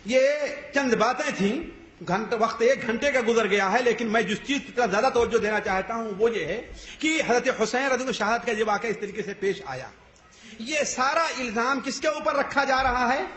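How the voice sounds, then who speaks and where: Male preacher, very high voice, lecture style, asks and answers his own questions; roomy echo. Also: a bit bright. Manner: poses rhetorical questions and answers them himself. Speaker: Islamic preacher. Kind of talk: religious lecture. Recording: echoey room.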